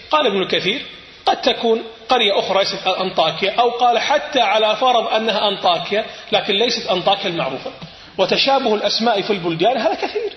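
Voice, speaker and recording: A man giving a sermon, explaining word meanings and correcting recitation in a measured teaching manner. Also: high-pitched, a bit bright. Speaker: preacher. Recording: echoey hall.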